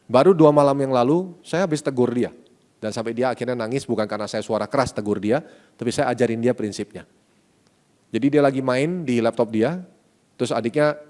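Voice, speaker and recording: A man's voice: mid-range voice, a little mellow. Middle-aged man from Aceh preaching casually. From Indonesia, Aceh. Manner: conversational, casual slang mixed into preaching, many asides to the congregation. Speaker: pastor. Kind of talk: sermon with personal storytelling. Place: church service.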